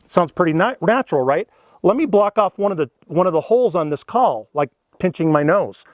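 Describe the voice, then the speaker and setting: A man's voice: sits high, animated, a little fast, heavy background noise. A middle-aged man giving a casual, folksy lesson, explaining things step by step with friendly asides. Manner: folksy, earnest, explains step by step with "you know" and "okay". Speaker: elk calling instructor. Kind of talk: casual instructional demonstration.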